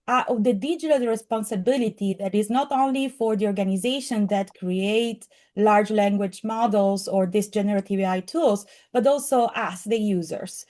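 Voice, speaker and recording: A woman's voice: mid-range voice, mellow. Woman with a strong Italian accent. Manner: earnest, with frequent fillers and restarts. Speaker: program presenter. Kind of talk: presentation to an audience.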